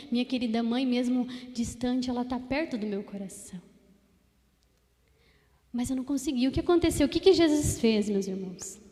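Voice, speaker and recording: A woman's voice: high-pitched, warm tone, in a large hall. A woman with a Brazilian Portuguese accent, giving a heartfelt personal testimony as a lay preacher at a prayer group and speaking straight to the congregation. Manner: fervent, heartfelt, speaks directly to the congregation with frequent tag questions.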